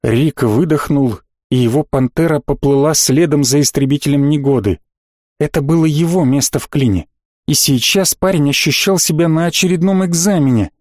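A man narrating a science fiction audiobook in a steady, dramatic reading style. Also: on the high side, dry recording, studio quality. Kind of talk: scripted narration.

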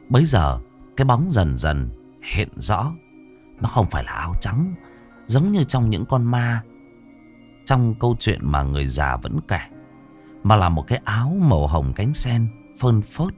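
A man narrating a ghost story in a dramatic, expressive way. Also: on the low side, a little slow. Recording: faint background music.

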